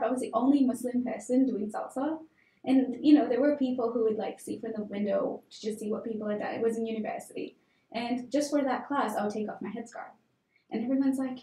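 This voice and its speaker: Recorded in an echoey room, a young Tanzanian guest recounts her personal story in a frank, conversational interview full of fillers. Her voice is fairly high and warm.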